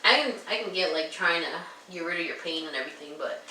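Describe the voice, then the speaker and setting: A woman's voice: fairly low pitch, animated, quick pace, bright, forceful tone, a little hiss or hum. Frank young woman in casual chat. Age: 20s. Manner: frank, opinionated. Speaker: podcast co-host. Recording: echoey room, distant mic.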